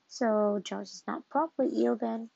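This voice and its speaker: A woman's voice: a little high, a little slow, gravelly, dark tone, no echo, heavily acted. A woman voicing a curious little girl piglet in a storybook reading, in an eager, questioning manner, on a dull lo-fi recording.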